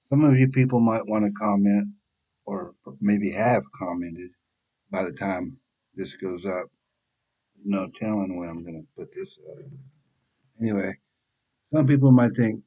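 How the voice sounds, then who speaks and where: Here the YouTube reactor, a man in his fifties, has a lowish, mellow voice with some breathiness. He rambles casually and bluntly, swearing without restraint, over dull-sounding audio.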